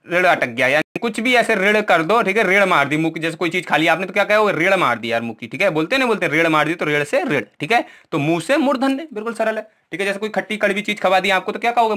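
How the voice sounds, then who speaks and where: A male Hindi teacher in an exam-prep lesson, with a high, bright, ringing voice. He quizzes the class and answers his own questions, checking in after each point. He walks through memory tricks while pointing at what he has written. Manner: repeats "ठीक है" often, asks questions and answers them himself.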